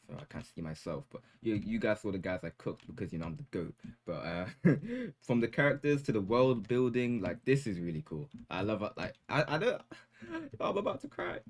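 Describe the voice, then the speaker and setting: A young man giving casual, joking gameplay commentary as a gaming YouTuber, hyped and full of slang. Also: mid-range voice.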